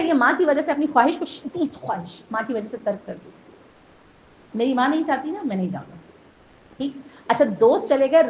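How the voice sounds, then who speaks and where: A woman with a Pakistani Urdu accent giving a devotional sermon at a gathering, telling a story and putting rhetorical questions to her listeners, rising to emphatic peaks. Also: fairly high pitch. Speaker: zakira, religious speaker. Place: imambargah gathering hall. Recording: echoey lo-fi hall recording with faint hiss.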